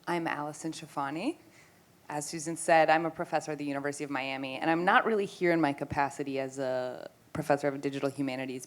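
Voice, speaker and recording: A woman moderating a conference panel, speaking in a relaxed, informal way. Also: deep voice.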